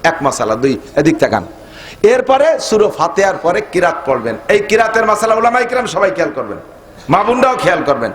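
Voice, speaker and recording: A man's voice: high voice, big pitch swings, quick pace, a bit bright. Emphatic preacher man, echoing sound. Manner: emphatic, keeps asking the crowd to agree. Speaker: Islamic preacher. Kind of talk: Bengali waz sermon. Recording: echoey public-address sound.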